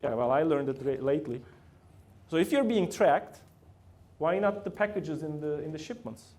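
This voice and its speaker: In a university room, a middle-aged man with a Turkish accent lectures students as a guest, frequently putting questions to the audience, his grammar loose. He speaks at normal speed with lively intonation in a voice on the high side, darkish in tone.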